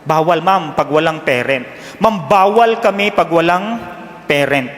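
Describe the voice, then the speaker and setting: A man's voice: fairly high pitch, unhurried. A man voicing a stern security guard who firmly turns people away. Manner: firm, flat refusals. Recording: long reverb with loud guitar music.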